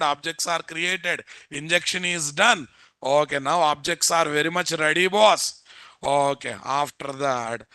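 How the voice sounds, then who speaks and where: With an Indian Telugu accent, a male instructor teaches a live programming class, repeating phrases and quizzing his students again and again. His fairly high voice has a sharp edge, and there's no echo.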